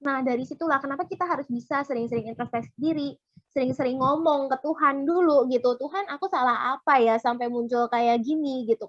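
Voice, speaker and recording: A woman's voice: sits high, no echo, muffled recording. A young woman speaking at a community worship service, giving a casual, chatty sermon that keeps turning to her listeners as friends and acting out little dialogues.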